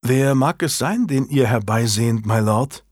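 A man voicing a teasing, emotional young townswoman in a high, soft voice for an audiobook. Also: a little slow, slightly rough, no room sound, clean studio sound.

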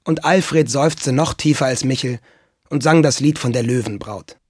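Husky man reading a children's story. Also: mid-range voice, normal speed, no room sound, clean studio sound. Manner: lively, expressive storytelling. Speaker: narrator.

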